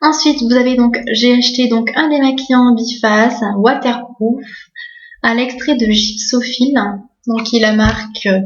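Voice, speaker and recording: A woman's voice: a little high, steady tone, moderate pace. Chatty woman, echoey lo-fi room. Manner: chatty, many fillers and "voilà"; enthusiastic about bargains. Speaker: beauty vlogger. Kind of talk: casual haul video. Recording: echoey room, dull lo-fi sound.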